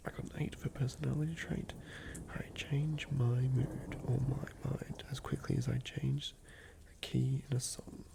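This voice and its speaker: A man's voice: medium pitch, level tone, unhurried, gravelly, warm tone. A man with an Australian accent whispering in a musing, rambling ASMR style as he builds a game character. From southern Australia. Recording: noisy ambient background.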